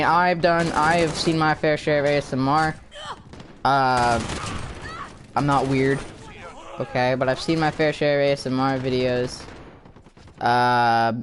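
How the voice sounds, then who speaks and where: A man's voice: medium pitch, a little hiss or hum. Rambling, foul-mouthed young man vlogging. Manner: rambling, profane, sarcastic; many fillers and restarts. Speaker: YouTuber. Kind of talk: casual commentary vlog.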